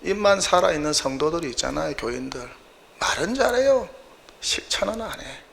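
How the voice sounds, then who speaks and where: A man's voice: a little high, animated, normal speed, vocal fry, fairly bright tone. A male pastor preaching a sermon in a church, emphatic and full of rhetorical questions.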